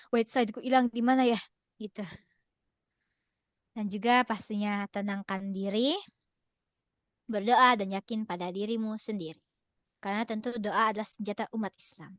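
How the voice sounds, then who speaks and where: A woman's voice: mid-range voice, steady tone, moderate pace, pauses often, a bit bright, no room sound. A young woman presenting an online workshop from a relative's home in a casual, cheerful way, often laughing and slipping in English phrases. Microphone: video call.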